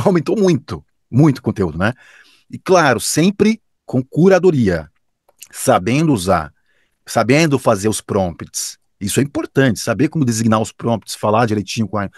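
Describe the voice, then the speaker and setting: Lively husky Brazilian announcer man. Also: medium pitch, moderate pace, no room sound, clean studio sound. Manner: enthusiastic, emphatic, with frequent restarts. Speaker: professional announcer and radio director. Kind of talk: casual interview answers.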